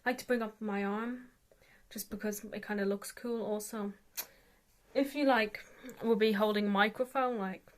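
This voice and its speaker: A woman's voice: medium pitch, fairly even intonation, normal speed. A woman giving a casual, rambling tutorial as an amateur vocalist, hesitant and self-deprecating, saying "like" very often.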